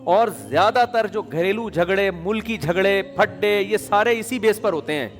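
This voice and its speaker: Brief: Pakistani-accented male preacher, fairly high voice, colloquial storyteller who acts out the people he quotes, long hall reverb. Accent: Pakistani Urdu. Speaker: Islamic preacher. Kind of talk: conversational sermon with anecdotes.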